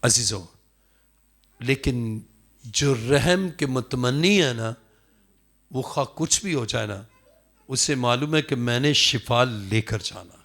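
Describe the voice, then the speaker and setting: Bright-voiced man preaching a sermon. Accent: Pakistani Urdu. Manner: emphatic preaching, acting out quotes with swings in pitch. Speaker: pastor.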